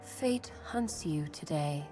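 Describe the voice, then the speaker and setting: A calm solemn lamb death spirit for a game, slow n breathy, poetic, bit of music behind. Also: female voice, low voice. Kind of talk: video game character voice acting.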